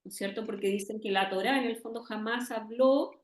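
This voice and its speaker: A woman's voice: fairly high pitch, fairly quick, echoey room. A Chilean woman with a Chilean Spanish accent, earnestly explaining as an interview guest, often checking with tag questions.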